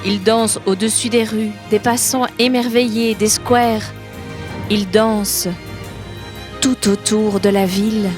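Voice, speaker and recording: A woman narrates a children's picture book in a slow, soft, expressive reading voice of middling pitch. Gentle music runs under her words. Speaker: storyteller.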